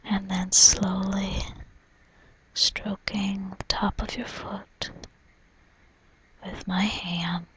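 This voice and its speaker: A woman doing a whispered role-play as a spa massage therapist, in a soft, soothing, breathy whisper, narrating gently. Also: mid-range voice, level tone, drawn-out words, long pauses, slight background noise, poor audio. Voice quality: breathy, mostly unvoiced whisper. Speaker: reflexologist giving a foot massage.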